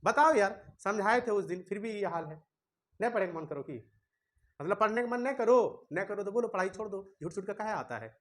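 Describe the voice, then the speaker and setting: A man's voice: sits high, animated, fairly quick. Guy teaching class, chatty and scolding the kids. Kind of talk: classroom lesson. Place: classroom with students.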